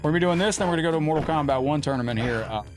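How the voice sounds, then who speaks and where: A man's voice: on the high side, racing, music in the background. A man hosting a live gaming stream, chatting casually with viewers as he plays at his desk at home. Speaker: game streamer.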